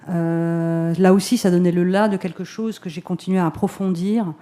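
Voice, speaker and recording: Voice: mid-range voice, flat delivery, normal speed, dark tone. A filmmaker giving reflective, hesitant answers at a press conference, often repeating words while thinking.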